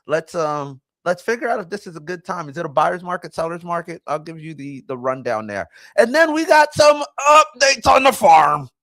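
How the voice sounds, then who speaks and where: Guy in his 40s rambling on a livestream, kinda high voice, dry close sound. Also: sing-song, moderate pace, few pauses, fairly bright tone, no room sound. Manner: rambling, self-correcting, chatty with viewers. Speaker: livestream host. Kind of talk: casual livestream chat.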